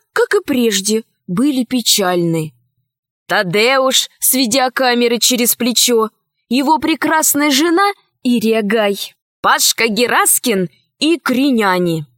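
A woman narrating a children's storybook in a clear, even storytelling manner. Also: fairly high pitch, no echo, clean studio sound.

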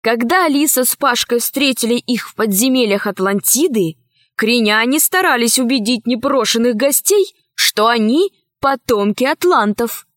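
A woman narrating a children's storybook in a clear, even storytelling manner. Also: a little high, moderate pace, dry recording, clean studio sound.

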